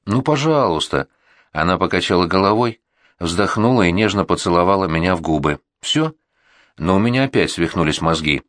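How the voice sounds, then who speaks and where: A man narrating a first-person audiobook in a measured, reflective way. His voice is very low and deep, and the recording is close and dry with no echo. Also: fairly bright tone.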